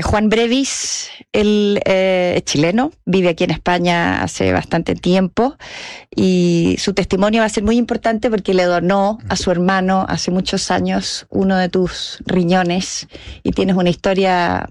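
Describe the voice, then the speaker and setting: Casting: female studio interview host, fairly low pitch, close dry sound, conversational delivery. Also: fairly even intonation, measured pace, a little mellow, no room sound.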